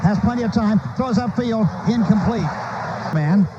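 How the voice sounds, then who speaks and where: The recording is a noisy, dull lo-fi radio broadcast of an American man calling a live football game. He's the play-by-play announcer, speaking at normal speed in a high-pitched voice with urgent, clipped, staccato phrasing.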